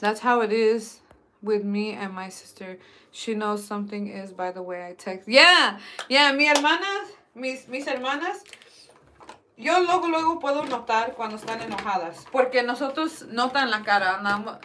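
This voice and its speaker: Young woman vlogger, somewhat high voice, jokey and bilingual. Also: measured pace, pushed and bright, a little hiss or hum. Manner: joking, switches between Spanish and English. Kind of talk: casual chat.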